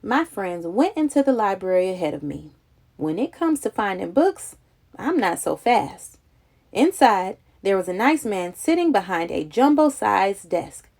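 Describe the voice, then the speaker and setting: This woman reads a children's picture book in a mid-range, creaky voice at a measured pace. Her storytelling is expressive and dramatic, with a childlike feel.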